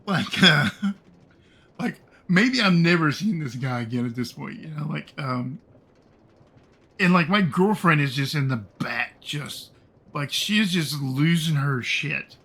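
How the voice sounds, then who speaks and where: A middle-aged man streaming his game and telling a long personal story in a rambling, halting way, full of fillers and swearing. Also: fairly high pitch, animated, pushed and bright, breathy edge. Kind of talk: casual storytelling while gaming.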